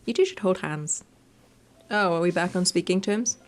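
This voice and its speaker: Playing through a visual novel, a gaming video creator with a lowish voice reads the text aloud expressively at normal speed. She adds playful asides along the way. There's game music behind her.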